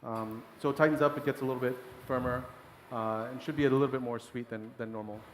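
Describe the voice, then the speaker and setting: A man's voice: mid-range voice, steady tone, fast. Explaining male chef in an echoing hall. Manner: explanatory, fills with "uh" and "so". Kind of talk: live cooking demonstration. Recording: long reverb in a large hall with faint noise.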